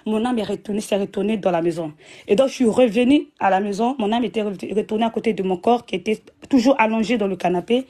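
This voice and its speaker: A woman's voice: medium pitch, fast talker, warm tone. A woman telling a personal religious testimony, repeating herself and restarting often with many fillers. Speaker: guest giving a religious testimony.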